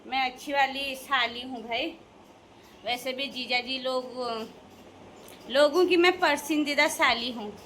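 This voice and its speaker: A young woman with a high, bright voice, chatting to her viewers in a casual vlog. Her manner is playful and teasing, and she laughs often. Faint noise sits behind her. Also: slow. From Uttarakhand hills. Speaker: vlogger addressing viewers.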